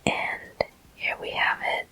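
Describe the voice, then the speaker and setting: Short, hushed phrases broken by pauses make up this gameplay host's whispered ASMR commentary, which explains a video game walkthrough at an unhurried pace.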